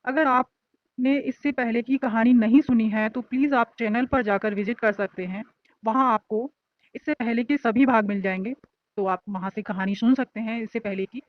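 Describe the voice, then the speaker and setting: A woman narrating an audio story in a plain, steady storytelling manner. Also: fairly high pitch, lo-fi sound.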